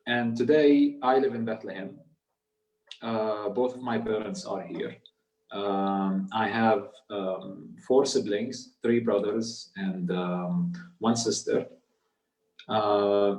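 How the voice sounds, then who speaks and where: A man's voice: lowish voice, a little mellow. Palestinian guy late 20s telling his story on a zoom call, lots of ums, kinda far from the mic, roomy echo. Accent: Palestinian Arabic. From Jordan, Palestinian family. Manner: halting, many fillers and restarts. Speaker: tour guide and guest speaker. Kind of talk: personal story on a video call. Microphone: video call. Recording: echoey room, off the mic.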